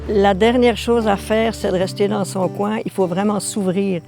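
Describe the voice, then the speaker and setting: Older woman, lively storyteller, documentary testimony, faint music behind. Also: mid-range voice, moderate pace, creaky. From Belgium. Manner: lively storytelling, repeating herself for emphasis. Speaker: interviewee.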